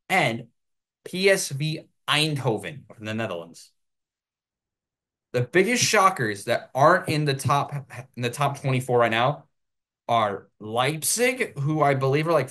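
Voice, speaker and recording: An American man hosting his own sports show, giving solo commentary and ranting in an animated way. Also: mid-range voice.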